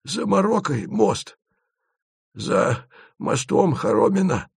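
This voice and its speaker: A man's voice: high-pitched, very animated, slow, creaky, slightly rough, no room sound, pitched above the performer's own voice, full character voice. A man voicing a timid guide who speaks in old-fashioned folk phrases, in a dry recording. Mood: earnest.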